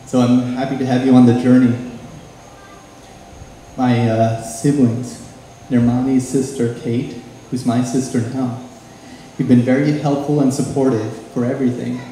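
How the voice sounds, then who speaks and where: Groom's toast in an echoey barn. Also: male voice, medium pitch, flat delivery, mellow, slight background noise. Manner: earnest, slightly halting thank-yous. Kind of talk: wedding reception toast. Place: open-sided wedding barn with string lights. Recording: echoey barn hall over the PA.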